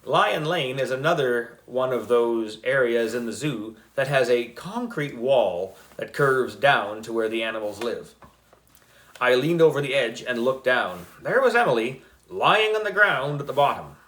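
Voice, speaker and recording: A man reads a children's chapter book aloud at an easy, unhurried pace. His voice sits in a middle pitch but rises and falls a great deal, giving quick voices to the characters and dropping in asides. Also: lively intonation, fairly bright tone. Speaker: audiobook reader.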